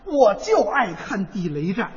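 Man, crosstalk comedian, high lively voice, long echo of a theater hall. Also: a little hiss or hum. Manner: lively, muddles film plots, quick quips. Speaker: crosstalk performer. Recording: dull sound, long hall reverb.

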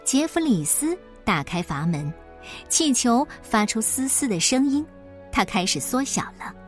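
A woman reads a children's story aloud with a bright, expressive delivery. Her voice sits on the higher side and rises and falls a great deal. Soft music plays faintly underneath. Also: unhurried. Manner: expressive, lilting.

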